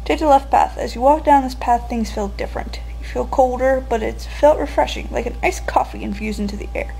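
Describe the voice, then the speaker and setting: A woman's voice: a little high, a little fast, gravelly, warm tone, a little hiss or hum, rough recording. A woman reading a text adventure game aloud and playing it, with wry, joking asides.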